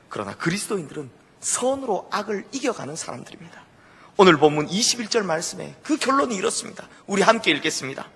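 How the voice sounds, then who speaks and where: A man's voice: high voice, sharp tone, husky, big-room sound. A male pastor preaching a sermon, telling a story with animation and putting questions to the congregation. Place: church sanctuary.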